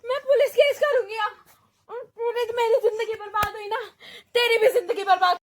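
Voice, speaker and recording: A woman's voice: high-pitched, slow pace, a little mellow. A woman voicing a scared, angry young captive who cries out and threatens, in an amateur drama. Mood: furious. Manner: furious, crying out, then dazed whispering.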